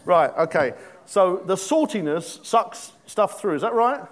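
A man's voice: sits high, expressive, measured pace. A middle-aged man preaching a sermon in a conversational way, asking his listeners questions and joking with them. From Britain. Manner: conversational, asks the congregation questions, jokes. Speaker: pastor.

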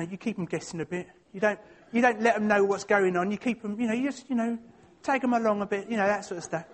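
A man with an Essex accent giving an informal sermon with personal anecdotes, in a hesitant, self-deprecating, chatty way. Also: high-pitched. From Essex, England. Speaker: church speaker.

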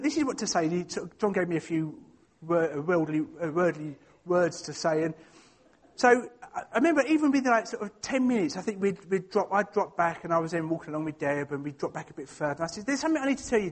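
Addressing a church casually, a man from Essex, England, tells personal anecdotes in his Essex accent and a voice that is notably high for a man. He is expressive and a little fast, chatty and self-deprecating, often hesitating mid-thought.

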